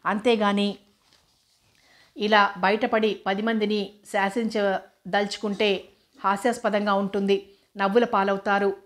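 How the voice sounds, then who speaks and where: Smug, unruffled man taunting a rival, read by a woman narrator; even, level tone. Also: medium pitch, a little slow, long pauses, lightly acted. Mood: mocking. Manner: calm, needling, lecturing. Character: smug, mocking adult man, cool under pressure.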